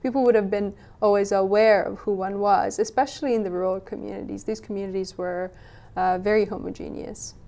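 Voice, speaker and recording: A woman's voice: medium pitch, steady tone, fairly quick, dark tone. A young woman from Western Bosnia, answering interview questions thoughtfully, with frequent restarts. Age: young adult. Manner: thoughtful, many restarts and "you know". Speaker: guest.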